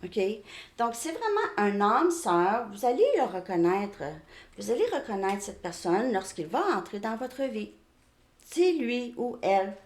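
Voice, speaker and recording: A woman's voice: medium pitch, big pitch swings, a little slow. Chatty Québécois woman reading tarot. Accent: Québécois French. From Quebec. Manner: chatty, repeats "ok?" often, frequent restarts. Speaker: tarot reader. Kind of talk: casual tarot card reading. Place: home, outside Montreal suburbs.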